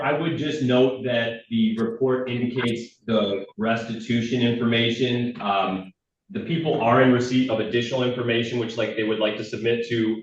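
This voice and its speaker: Man heard in an echoey courtroom recording. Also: on the low side. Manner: measured and formally respectful. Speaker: prosecutor. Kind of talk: formal courtroom address. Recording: echoey, distant, muffled courtroom audio with faint noise.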